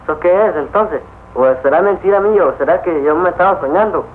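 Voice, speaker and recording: A man giving halting, indignant testimony, often repeating his words. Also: high voice. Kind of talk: spoken testimony. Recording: tinny lo-fi old film sound with faint hiss.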